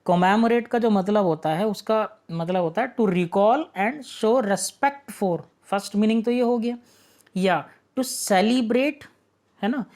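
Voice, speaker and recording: A man's voice: high-pitched, slow pace, a little mellow. A male teacher walks students through an online exam-prep vocabulary lesson. He explains each word patiently, poses rhetorical questions and answers them himself, and keeps checking that his students are following along.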